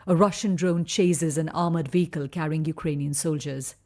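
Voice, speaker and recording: A woman reporting as a war correspondent, narrating a scripted frontline news report in a grave, measured way. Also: deep voice, steady tone, dark tone.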